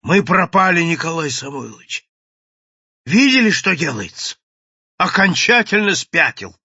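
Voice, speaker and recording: A man doing an excitable, blunt townsman. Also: on the high side, a little slow, slightly rough, no room sound, highs cut off, voice pushed up, full character voice. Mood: alarmed. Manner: exclaiming, excitable. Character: agitated middle-aged man, blunt and decisive.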